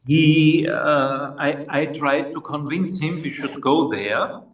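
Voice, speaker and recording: An older man from Austria with an Austrian German accent, telling his personal story in a slow, halting way with many pauses. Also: fairly high pitch. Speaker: interviewee. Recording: echoey room, distant mic.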